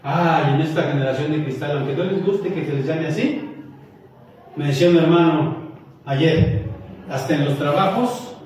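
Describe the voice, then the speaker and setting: High-voiced pastor preaching in an echoey hall. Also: male voice, normal speed, long pauses, a little mellow, recorded from a distance, a little hiss or hum. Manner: storytelling, joking with the congregation. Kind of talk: sermon. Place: church hall.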